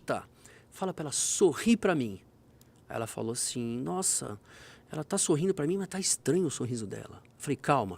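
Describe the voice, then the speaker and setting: A man who is a fire brigade major, being interviewed and telling emergency stories, acting out the dialogue vividly. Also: fairly high pitch. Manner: animated storyteller, acts out dialogue. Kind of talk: conversational interview, storytelling.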